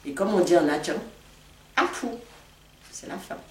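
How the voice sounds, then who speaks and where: A woman's voice: low-pitched, fast. A woman teaching vocabulary in a patient lesson, repeating each word carefully for learners. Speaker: language teacher. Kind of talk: slow, deliberate language lesson. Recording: echoey room, far from mic, faint noise.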